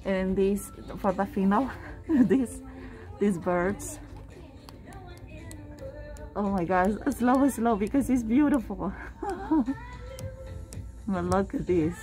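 A woman's voice: medium pitch, takes it slowly, long pauses, dark tone, soft background music. A woman vlogging while shopping in a craft store, chatty and full of delighted exclamations, speaking into a handheld phone. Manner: chatty, non-native English, frequent delighted exclamations. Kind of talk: casual shopping vlog. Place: large craft store aisle, indoors. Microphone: handheld phone camera.

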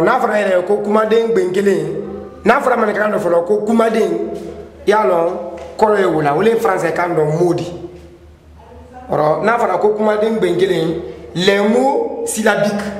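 A man teaching a literacy lesson, explaining terms step by step and rephrasing them as he switches between French and Maninka. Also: high voice. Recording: very echoey hall with faint noise.

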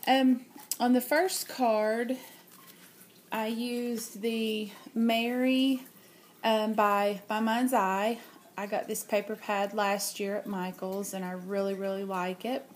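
In a slow, flat, medium-pitched voice made nasal by a cold, a craft vlogger casually walks through her handmade cards while seated at a table at home. Ums break up her chatty show-and-tell frequently.

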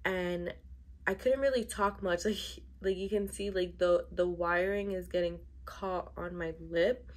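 A woman's voice: lowish voice, fairly even intonation, unhurried. A young adult woman chatting casually to camera in a vlog, with an emphatic, complaining way of talking, recorded indoors in a bedroom. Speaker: vlogger.

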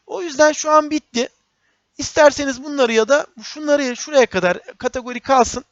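A male instructor explains a software task one step at a time, often saying a phrase twice as he works. His voice is recorded dry, with no room sound. The audio is muffled and lo-fi, like a basic home setup. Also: extremely high pitch, normal speed, no echo. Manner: step-by-step, repeats phrases, addresses viewers as friends. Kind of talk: screen-recorded software tutorial.

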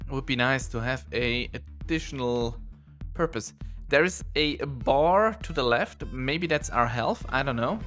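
A man's voice: medium pitch, fairly bright tone. A man giving casual commentary on a first playthrough, rambling and self-deprecating as he reads on-screen text aloud. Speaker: let's play gamer.

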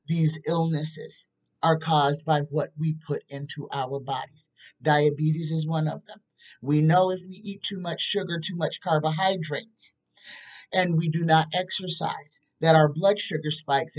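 A woman in her fifties talks slowly to her webcam from a small room at home. She is emphatic and keeps checking in with "okay?" as she makes her points. She sits a little back from the mic. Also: low voice, far from the mic, low-quality recording. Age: 50s. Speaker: psychic tarot reader. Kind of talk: casual talk to camera. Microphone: webcam at desk distance.

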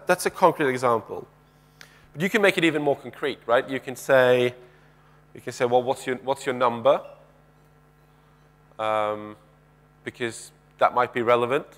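A man's voice: mid-range voice, normal speed, a bit bright. Guy in his 30s doing a keynote on a big stage, headset mic, chatty, lots of restarts. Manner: conversational, questions the audience, frequent restarts; paces the stage with gestures. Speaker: keynote speaker. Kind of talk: conference keynote talk. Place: large conference stage.

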